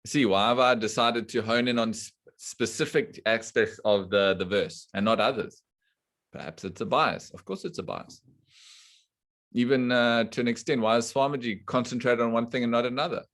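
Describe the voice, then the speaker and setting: A man teaching a scripture class to students online, explaining slowly and deliberately and putting questions to the class. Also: mid-range voice, fairly bright tone. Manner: slow and deliberate, quizzing the class. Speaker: spiritual teacher.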